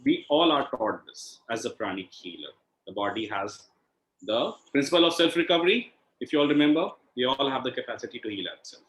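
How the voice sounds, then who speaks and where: Over a video call from an echoey room, a healing instructor and session host with an Indian accent teaches his group. His medium-pitched voice is expressive, fairly quick and a little bright. He explains in a didactic style, frequently asking "right?" to check understanding.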